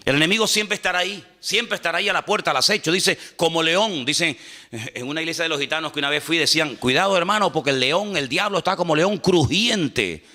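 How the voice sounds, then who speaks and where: A man preaching a sermon as a pastor, animated and humorous, acting out little dialogues. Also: fairly high pitch, quick pace. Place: church. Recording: church hall reverb.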